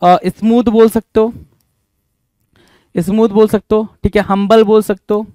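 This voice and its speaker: A man's voice: high voice, flat delivery, measured pace, mellow, clean tone, dry recording. A man teaching an exam vocabulary lesson, asking the listener rhetorical questions over and over. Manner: repetitive quizzing asides.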